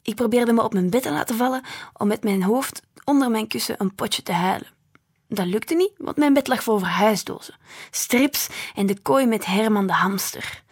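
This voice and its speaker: Breathy woman reading a children's story. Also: fairly high pitch, normal speed. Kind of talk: reading a children's book aloud.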